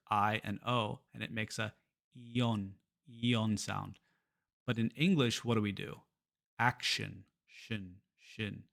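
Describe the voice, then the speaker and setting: A man giving a scripted pronunciation lesson. He switches between Spanish and English and repeats example words slowly and clearly. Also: mid-range voice, a bit bright. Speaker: pronunciation teacher.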